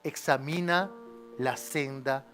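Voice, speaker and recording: A man preaching a sermon as pastor, with a Colombian Spanish accent, swinging between loud exclamations and hushed lines and having the congregation repeat after him. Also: mid-range voice, slow pace, soft background music. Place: church sanctuary.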